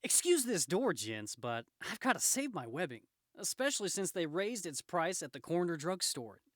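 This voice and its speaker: A man's voice: high-pitched, very animated, normal speed, no echo, studio quality, pitched above the performer's own voice. A man voicing a wisecracking comic-book superhero, cocky and aggrieved, in a theatrical, quippy manner. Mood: cocky, taunting. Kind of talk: comic book read aloud in character.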